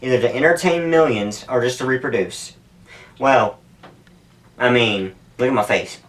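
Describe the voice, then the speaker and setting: A YouTuber who makes stunt videos sits in an ice bath at home, talking casually to camera at normal speed in a medium-pitched, slightly bright voice. He rambles candidly and profanely from thought to thought, and the audio is distant and off-mic.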